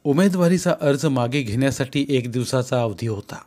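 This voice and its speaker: A man narrating a novel aloud in a steady storytelling manner. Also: medium pitch, normal speed. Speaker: audiobook narrator. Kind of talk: scripted narration.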